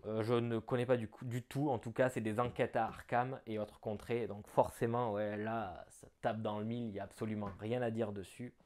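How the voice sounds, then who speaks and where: A man doing casual unboxing commentary on a gift. He thinks aloud, talks chattily and breaks into bursts of excitement. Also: on the low side, fairly quick, few pauses. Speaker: board game unboxing vlogger.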